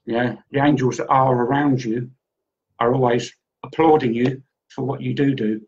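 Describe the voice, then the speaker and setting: A man's voice: mid-range voice, fairly even intonation, moderate pace, darkish tone. Rambling man giving a psychic reading. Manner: rambling, repeats himself often. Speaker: psychic reader and co-host. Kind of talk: casual spiritual reading. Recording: dull lo-fi audio.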